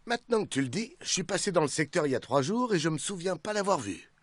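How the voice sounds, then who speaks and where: An actor voicing a doubtful, casual young knight in a dubbed cartoon. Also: male voice, fairly high pitch, sing-song, fast, no room sound. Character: skeptical, easygoing young soldier knight.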